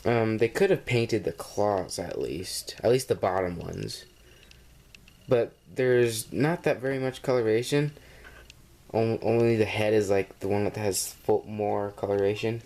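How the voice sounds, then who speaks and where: A man's voice: on the low side, unhurried, darkish tone. A man with a cold, reviewing a toy in a casual, rambling way, full of ums and uhs, filmed at home on a camera mic. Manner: rambling and hesitant, with many fillers. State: has a cold.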